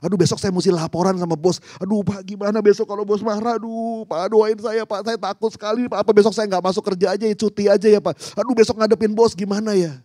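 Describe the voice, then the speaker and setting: A man's voice: sits high, fairly even intonation, quick pace, hardly any pauses, dark tone, no room sound, clean studio sound, voice pushed up, close to an everyday voice. A man voicing an anxious office worker who pleads with his pastor in a whiny, repetitive way, in casual slang. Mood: anxious pleading. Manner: pleading, whiny, repeating "aduh, Pak". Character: anxious young male office worker fretting about his boss.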